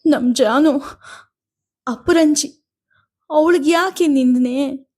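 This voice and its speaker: A woman's voice: sits high, a little mellow, pitched above the performer's own voice. A woman playing a sobbing older wife. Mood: weeping. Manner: halting, sobbing, faltering. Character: grieving older wife, weeping and broken.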